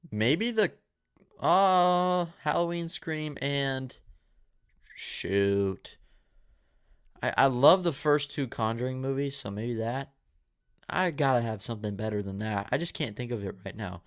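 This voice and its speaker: A man's voice: medium pitch, measured pace, clear, resonant tone. A man in his twenties hosting a live movie Q&A, reading viewer questions and answering in a casual, rambling way with a dry mouth. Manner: casual, rambling, with fillers and restarts. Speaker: movie channel host.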